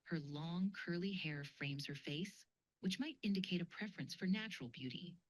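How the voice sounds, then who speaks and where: A synthesized clone of a woman's voice, used for a polite female AI program that hosts a futures game and talks in a measured, formal, analytical way. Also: lowish voice.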